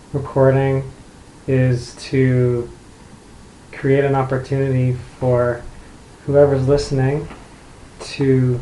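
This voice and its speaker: A man's calm, mid-range voice guides listeners through meditation, staying fairly flat in intonation. Soft, simple directions come with long silences between them. There's a roomy echo around his speech and a little background noise.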